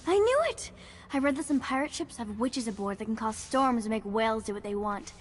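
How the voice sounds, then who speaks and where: A woman's voice: on the high side, animated, a little fast, a little hiss or hum, lightly acted. A woman voicing a precocious, bossy and inquisitive little girl in a video game. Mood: eager, curious. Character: eager, bossy little girl, a future empress.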